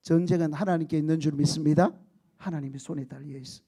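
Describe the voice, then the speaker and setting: A male pastor preaching a lively sermon, often asking the congregation questions and acting out the quotes he tells. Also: fairly high pitch, fast. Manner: animated storytelling with shouted quotes and laughter; keeps prompting the congregation for answers.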